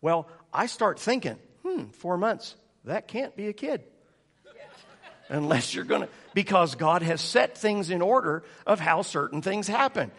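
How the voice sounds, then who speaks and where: A pastor, telling funny stories and laughing often. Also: male voice, high voice, very animated, a little slow, fairly bright tone. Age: 40s. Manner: joking, storytelling, laughing often. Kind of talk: sermon.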